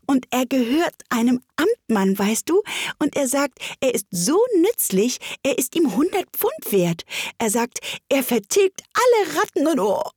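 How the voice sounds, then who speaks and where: A woman's voice: mid-range voice, lively intonation, unhurried, darkish tone, breathy edge, no room sound, studio quality, voice pushed up. A woman voicing a polite, curious young girl who chatters eagerly and apologizes in a rush.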